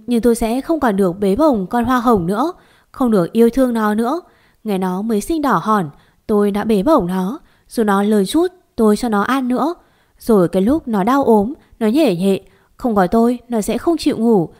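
Woman voicing a gentle motherly village lady, kind, gets tearful. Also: fairly high pitch, normal speed, lightly acted. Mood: sorrowful.

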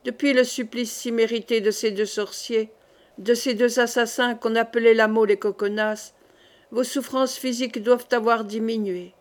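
A woman's voice: on the high side, steady tone, moderate pace, close to an everyday voice. A woman reading the part of a scheming queen mother, haughty and insistent. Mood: persuasive.

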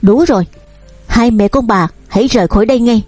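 A woman's voice: a little high, fairly quick, darkish tone, no room sound, soft background music, natural voice. A woman reading as a stern old father. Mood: furious. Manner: harsh, scolding. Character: stern angry old father, a company owner.

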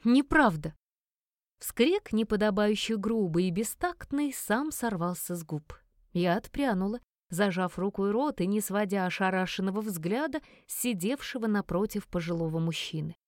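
A woman narrating a first-person fantasy audiobook in a lively, expressive reading. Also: medium pitch, normal speed, no echo, studio quality.

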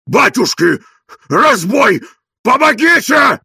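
Male reader doing a coarse bully, raspy gravelly voice, high and swooping, bright tense edge, dry close sound. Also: sing-song, dry recording, full character voice. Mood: shouting. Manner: shouting, drawn-out outraged exclamations. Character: coarse bullying middle-aged man, loud and indignant. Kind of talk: audiobook character reading.

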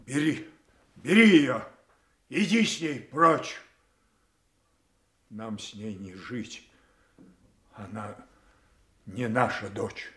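A man's voice: medium pitch, lively intonation, extremely slow, long pauses, a bit bright. A furious old king, bossy and solemn, drags out his words, echoey radio play. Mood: wrathful, bitter. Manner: solemn, declamatory, commanding. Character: imperious, wrathful old king disowning his daughter. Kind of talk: classical Russian stage acting, radio play.

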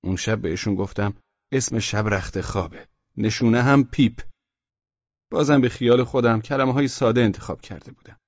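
A man narrates a first-person audiobook in a relaxed, colloquial storytelling manner, as if talking to a friend. His voice sits at an ordinary middle pitch, recorded on a close mic. The sound is bone-dry and slightly dull and lo-fi. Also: no echo.

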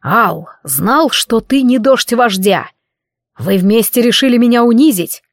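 A woman voicing a drunk, jealous young lord who growls his threats hoarsely in an audiobook. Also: a little high, expressive, measured pace, no room sound, studio quality. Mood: accusing.

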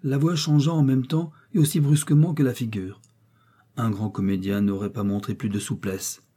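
Man with a dark husky narrating voice. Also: medium pitch, flat delivery, normal speed. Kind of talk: audiobook narration of a short story.

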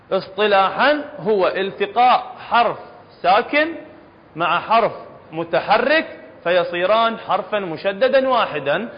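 Man, Iraqi accent, recitation teacher, high voice, long hall echo, muffled lo-fi recording. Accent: Iraqi Arabic. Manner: questioning students, repeating points patiently. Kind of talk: classroom lesson to students. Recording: reverberant hall, dull lo-fi sound.

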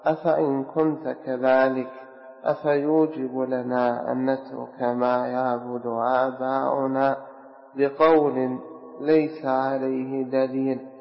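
A man reading a religious commentary aloud to a teacher in a measured, slightly sung recitation. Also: medium pitch, little pitch movement. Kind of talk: chanted reading of a religious text. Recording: dull recording in a reverberant hall with faint music.

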